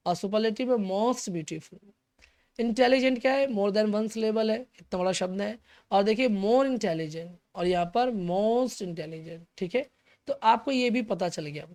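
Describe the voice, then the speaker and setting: A man teaching an English grammar lesson for exam students. He explains step by step, asks questions and answers them himself, checks in with "okay" after each point, and slows down to spell out key English terms. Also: sits high, a little mellow.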